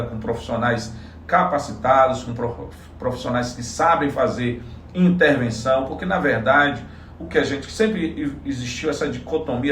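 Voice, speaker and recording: A man's voice: mid-range voice, far from the mic, slight background noise. Earnest man, echoey room. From Salvador, Bahia, Brazil. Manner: earnest, explanatory, many restarts. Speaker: psychologist and political candidate. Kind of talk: interview answers.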